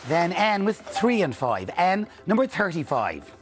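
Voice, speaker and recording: A man's voice: high-pitched, huge pitch swings, unhurried, background noise. A man in his forties working as a bingo caller on a TV game show, calling numbers in a rhythmic, repeating presenter's delivery. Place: indoor TV studio. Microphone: lapel mic. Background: music.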